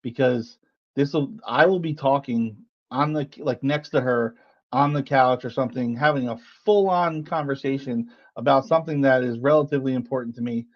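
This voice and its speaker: In a casual podcast conversation, a male co-host needles his partner and pushes back argumentatively. He speaks at a moderate pace in a mid-range voice, and the audio has its highs cut off.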